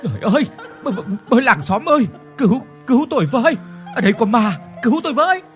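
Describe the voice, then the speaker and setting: A woman's voice: low voice, big pitch swings, moderate pace, darkish tone, faint music behind. A man voicing a frightened old village woman who stammers in panic. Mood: terrified.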